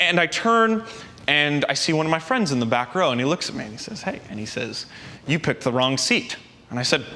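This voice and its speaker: A young man hosts a college comedy show, with a bright, tense voice that rises and falls with plenty of animation. He jokes and acts exasperated in turn. The sound carries a long hall reverb. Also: fairly high pitch. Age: young adult. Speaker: host. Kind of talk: comedic monologue and sketch. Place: set on a campus stage.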